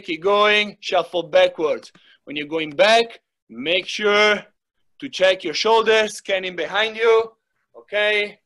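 A man's voice: high voice, fairly bright tone. A middle-aged man coaching a live workout, giving short repeated commands with words of encouragement. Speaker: soccer fitness coach. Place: small wood-panelled indoor room. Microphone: device mic a few metres away.

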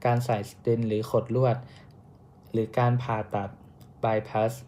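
Student presenter, young man, warm low-key delivery, careful reading with small restarts. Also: level tone, unhurried, slight background noise. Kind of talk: reading a class report.

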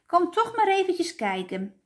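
Shrill, eager little storybook children shouting over each other, as a woman puts them on. The voices jump high and lively, with a slow, careful delivery underneath. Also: heavily acted. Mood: excited.

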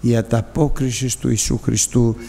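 A male preacher giving a sermon, telling the story dramatically with big swings in pitch and loudness. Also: fairly even intonation, gravelly. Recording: long hall reverb.

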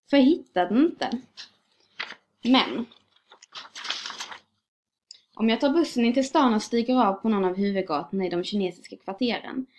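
A woman reading a short story aloud in a calm, measured way. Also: medium pitch. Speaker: reader. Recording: dull lo-fi recording.

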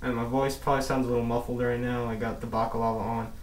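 A man's voice: medium pitch, little pitch movement, fast, a little hiss or hum. A young man casually reviewing an airsoft mask indoors, his voice muffled by the balaclava and mask he is wearing. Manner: casual, rambling, mild swearing. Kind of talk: casual gear review vlog. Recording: roomy, distant camera audio.

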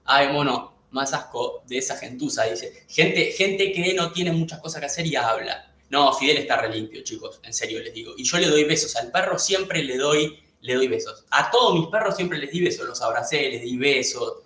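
A man's voice: medium pitch, animated, moderate pace, few pauses, bright, forceful tone, echoey room. A man with an Argentine accent chatting casually on a live stream, greeting viewers by name and repeating himself. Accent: Argentine Spanish.

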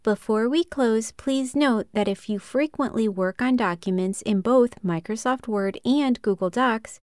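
A woman in her thirties walks through a computer tutorial in a calm, measured way, one step at a time. She sits close to the mic in a small room. The recording is dry. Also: fairly high pitch, no room sound. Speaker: tutorial host. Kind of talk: scripted software tutorial.

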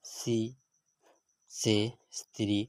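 Slow, measured male grammar teacher. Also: a little mellow, no echo. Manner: measured, word-by-word dictation with translations.

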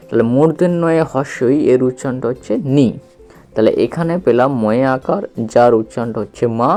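A man's voice: on the high side, a little mellow. Man patiently teaching reading, faint music. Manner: slow, repetitive, patient explaining with questions to the learner. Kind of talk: spelling-out reading lesson.

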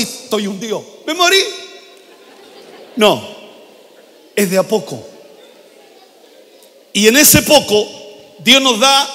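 High-voiced older pastor preaching. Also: male voice. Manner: preaching with rising intensity, shouting prayers, repeating phrases. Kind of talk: sermon. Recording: long hall reverb.

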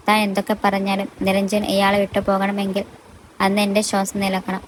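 A woman voicing a devoted young husband in a storybook, speaking earnestly and with gentle teasing. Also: medium pitch, a little hiss or hum, natural voice, rough recording. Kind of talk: storybook dialogue reading.

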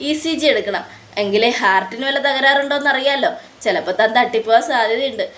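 A woman's voice: on the high side, fast, a bit bright, close to an everyday voice. A woman voicing a vengeful young man who mocks and accuses his enemy in a retold TV serial. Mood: mocking. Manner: mocking, accusing. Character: young man, vengeful and sarcastic toward villain.

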